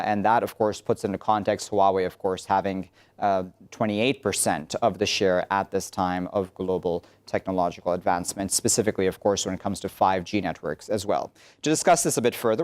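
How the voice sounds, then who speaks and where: Man, news panel host, low voice, fillers and restarts. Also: darkish tone. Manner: hesitant, many fillers and restarts. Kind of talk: moderating a panel discussion.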